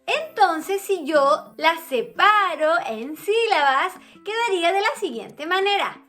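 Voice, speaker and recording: A woman's voice: very high voice, very animated, slow, sharp tone, faint music behind. A young adult woman teaching a grammar lesson to children, patient and sing-song, drawing out key words.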